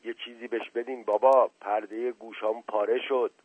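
A man's voice: medium pitch, steady tone, slightly rough, no room sound, lightly acted. An irritable village man complains in exasperation, as a man puts him on. The recording is narrow and dry, like a phone line. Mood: exasperated.

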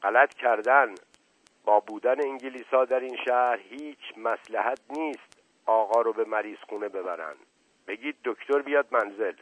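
A man's voice: medium pitch, a bit bright, close to an everyday voice, rough recording. A man voicing a stern, decisive father who speaks in a firm tone. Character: stern authoritative father of the household.

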